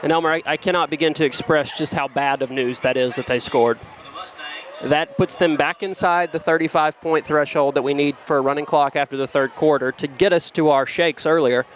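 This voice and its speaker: A man's voice: fairly high pitch, steady tone, fairly quick. Joking local football commentator man. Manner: jokey, rambling banter about food. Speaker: play-by-play commentator. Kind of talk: local high school football broadcast commentary.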